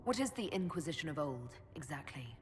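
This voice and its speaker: Earnest mage heroine for a fantasy game: low, subdued voice in a long reverb. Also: female voice, big pitch swings, fairly quick. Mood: questioning. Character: earnest young female mage, reluctant chosen survivor. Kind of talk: dramatic video game acting. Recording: long hall reverb, music behind.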